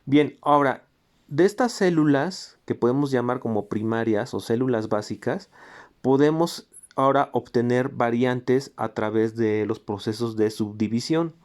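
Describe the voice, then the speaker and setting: A mid-range male voice, a little slow, delivers a recorded music theory lecture with steady explanation. Pointing out examples along the way, he sings brief rhythm syllables to illustrate the accents.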